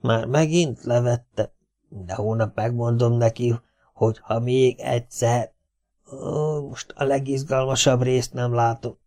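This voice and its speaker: A man doing a grumpy school caretaker who mutters slowly under his breath. His voice is low, dark and gravelly, grumbling to nobody in particular. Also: steady tone, close to an everyday voice.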